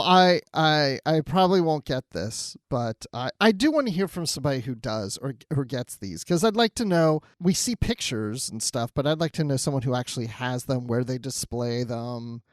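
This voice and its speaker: A man co-hosts a podcast in a casual, conversational chat, his mid-range voice lively in intonation at a moderate pace with few pauses. The recording is dry with clean studio sound.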